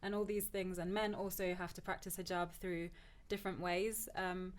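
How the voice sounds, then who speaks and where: This clip features a woman with a lowish, level voice speaking at an ordinary pace. She is a thoughtful young PhD student from Turkey, relocated to England at age ten, chatting personally as a podcast guest.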